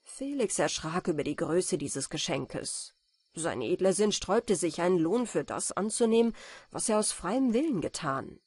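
A woman reading a fairy tale aloud as an audiobook narrator, in a calm, steady bedtime style. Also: fairly low pitch, normal speed, slightly rough, dry recording. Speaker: audiobook reader.

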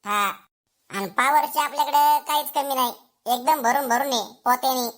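A boastful, swaggering village schoolboy voiced by a woman talks big in a high, voice. He taunts and brags nonstop in this comedy sketch. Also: moderate pace, close to an everyday voice. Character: cocky schoolboy bragging about his power.

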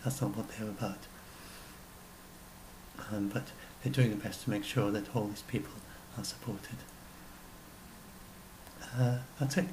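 With a lowish voice and steady tone, a man in his sixties speaks at a measured pace and pauses often. The science blogger offers casual solo commentary on his notes, meandering and correcting himself, recorded by a webcam at his desk in a small home room with background noise.

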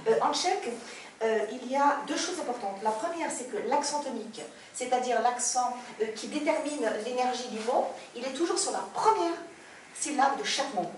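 A woman's voice: high-pitched, animated, normal speed, slight background noise. A woman vocal coach teaching a masterclass, coaxing her student along. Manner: coaxing, sings phrases to demonstrate. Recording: very echoey room, distant mic, piano.

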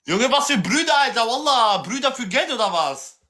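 Young male streamer, forceful bright voice, pushy slangy banter. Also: very high voice, sing-song, moderate pace. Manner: street slang, insistent, repetitive. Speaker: live streamer. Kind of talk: heated casual livestream banter.

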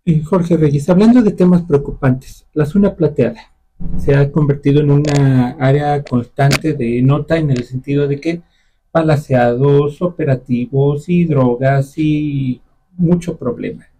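A man with a Mexican accent, a radio co-host asking a measured interview question. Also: fairly high pitch, warm tone, low-quality recording.

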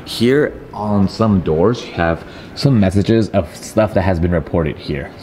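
Young man, low voice, casual half-joking vlog, arm's-length camera, echoey hotel room. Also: slight background noise. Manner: chatty, half-joking, nervous. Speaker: travel vlogger. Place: hotel room, then hotel hallways. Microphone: handheld camera held at arm's length. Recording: echoey room with faint ambience.

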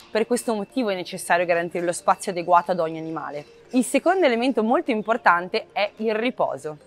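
A young woman in her twenties, a marketing manager, giving a clear, measured scripted explainer to camera outdoors by a cow barn on a lapel mic. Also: mid-range voice. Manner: clear, measured, informative delivery. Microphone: lapel mic, medium framing.

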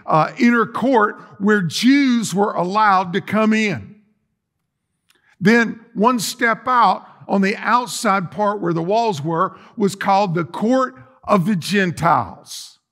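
This middle-aged man has a high-pitched, somewhat bright voice. Preaching as a pastor in an indoor church sanctuary, he offers conversational teaching, explaining ideas and putting questions to those listening.

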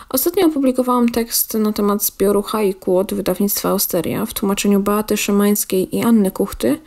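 A woman's voice: medium pitch, gravelly, a little mellow. A Polish woman hosting a solo podcast, explaining a literary form in a chatty way with fillers and self-corrections. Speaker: podcast host and book blogger.

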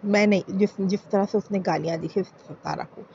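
A woman's voice: mid-range voice, fairly even intonation, normal speed, darkish tone, muffled recording, slight background noise. A woman giving heated, opinionated commentary as a reaction channel YouTuber, full of rhetorical questions and pleas. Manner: impassioned, rhetorical, pleading.

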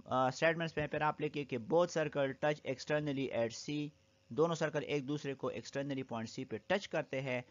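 Methodical male maths teacher, Pakistani accent. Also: medium pitch. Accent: Pakistani Urdu. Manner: methodical, repeats each step in two languages. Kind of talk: step-by-step maths lesson. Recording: dull lo-fi recording.

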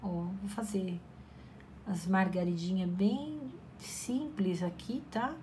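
A woman's voice: medium pitch, slow. Chatty middle-aged woman painting dolls. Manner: chatty, warm-hearted encouragement with playful quoted voices. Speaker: craft channel host. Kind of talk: casual chat while painting. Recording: faint background noise.

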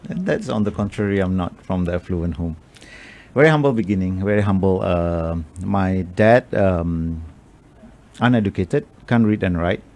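A man's voice: low voice, moderate pace, darkish tone. A middle-aged man from Malaysia as a radio guest, talking thoughtfully with many restarts into a studio microphone. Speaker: guest, media executive. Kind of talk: radio interview. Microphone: studio microphone on boom.

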